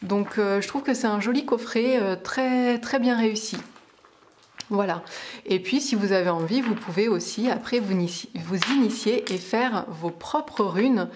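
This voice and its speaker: A woman's voice: mid-range voice, normal speed, darkish tone, slight background noise. A woman tarot reader talks casually to camera as she reviews a boxed set. She speaks in a chatty, hesitant way, full of filler sounds, and now and then reads aloud from a booklet.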